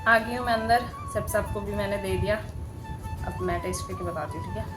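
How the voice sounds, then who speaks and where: A woman's voice: medium pitch, fairly quick. A woman vlogging casually at home, chatty and teasing, often breaking into laughs. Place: home kitchen and indoors. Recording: echoey room with music behind.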